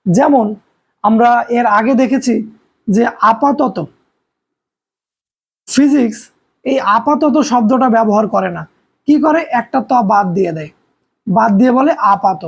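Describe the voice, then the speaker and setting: Gravelly-voiced man teaching physics. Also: very high-pitched, a little slow, pauses often. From Bangladesh. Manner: explains step by step with everyday examples and rhetorical questions. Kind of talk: recorded classroom lecture.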